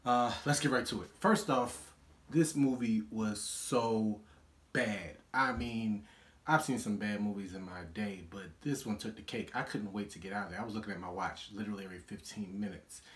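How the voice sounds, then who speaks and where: A man's voice: fairly low pitch, normal speed. Exasperated young man ranting a review. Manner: animated, exasperated ranting with sarcastic asides. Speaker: vlog host. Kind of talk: casual movie review vlog.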